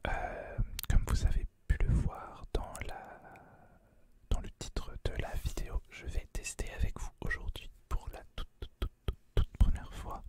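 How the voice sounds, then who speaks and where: Close ASMR whisper, right in the ear. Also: unhurried. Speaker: host of a gaming channel. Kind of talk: whispered ASMR gaming commentary.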